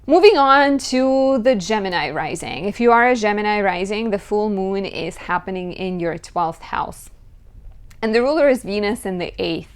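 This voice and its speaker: A woman astrologer giving a chatty, lively horoscope talk, often saying "like". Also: mid-range voice, moderate pace, clean tone.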